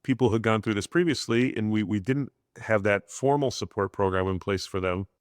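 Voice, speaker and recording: A man's voice: fairly low pitch, brisk, dry recording, studio quality. A man co-hosting an insurance agency podcast, talking casually with lots of fillers and restarts. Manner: rambling, many fillers and restarts.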